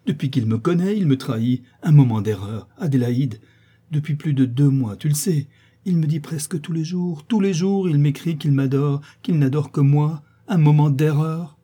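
A man's voice: mid-range voice, expressive, normal speed, dark tone, husky. A man voicing a tearful, wounded young woman who reproaches her lover in a storybook reading. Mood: anguished reproach. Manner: heartbroken, reproachful.

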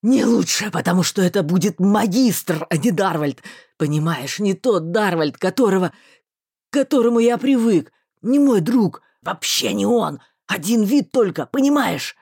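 A woman voicing a loyal, hot-tempered young male mage who shouts in loud anguish and fury. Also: mid-range voice, animated, moderate pace, husky, dry recording, clean studio sound. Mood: anguished shouting.

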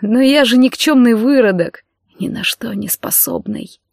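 A woman's voice: fairly high pitch, unhurried, gravelly, dry recording. A despairing young nobleman, as a woman reads him, pleading in a shaky, tearful voice and flaring into bitter outbursts. The recording is dry and close, with no room around the voice. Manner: pleading, tearful, bursts into outcries. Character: young nobleman, anxious, bitter, self-pitying.

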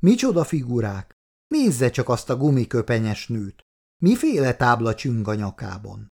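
A man's voice: mid-range voice, very animated, gravelly, darkish tone. A man reading aloud and voicing a doubtful young man who talks in a dry, skeptical way. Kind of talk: storybook reading.

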